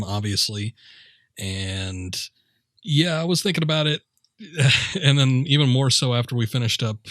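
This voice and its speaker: A man's voice: mid-range voice, fairly bright tone, no echo, studio quality. A man streaming a game with casual, rambling chat, offhand and thinking aloud.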